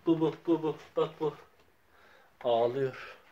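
A man's voice: on the high side, fairly even intonation, slow, highs cut off, background noise. A man playing with his small child, coaxing and repeating words over and over. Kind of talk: playful home video chat with a child.

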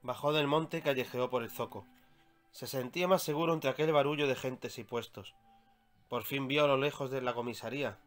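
A man from Spain reading aloud his own children's story, with measured, expressive storytelling. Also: mid-range voice, soft background music.

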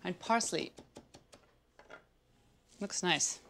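Over a loud music bed and a sizzling pan, a cooking-show host in her thirties chats casually while cooking in a home kitchen, relaxed and talkative. She speaks very slowly in a voice on the low side, with background noise.

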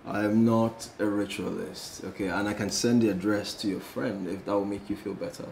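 A man's voice: fairly low pitch, fairly even intonation, normal speed, a little mellow, slight background noise. An actor playing a charming young man asking a woman out. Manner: smooth, charming suitor. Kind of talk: Nollywood film acting.

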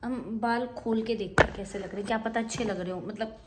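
A woman's voice: fairly high pitch, steady tone, fairly quick, heavy background noise. Chatty young woman vlogging at home. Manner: chatty, mixing Hindi and English, swings from playful to anxious muttering. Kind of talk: casual self-filmed vlog. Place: home room.

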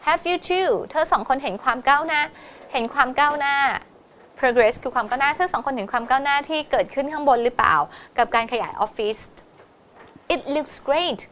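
A woman teaching a test-prep lesson, explaining in Thai and reading English exam lines slowly. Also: high voice, fairly bright tone, a little hiss or hum.

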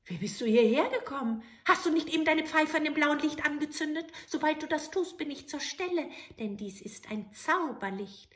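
A woman voicing a small grey magic man who eagerly serves, talking quickly. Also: lively intonation, fairly bright tone. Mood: obliging. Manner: quick, obliging, higher than the narrator.

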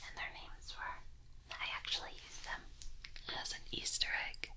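A woman's voice: normal speed, pushed and bright. A woman in her thirties whispering casual ASMR chat very close to a binaural microphone, moving from ear to ear, in a playful, rambling way. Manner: whispering close into the listener's ears, side to side. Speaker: ASMR video host. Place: small furnished room at home.

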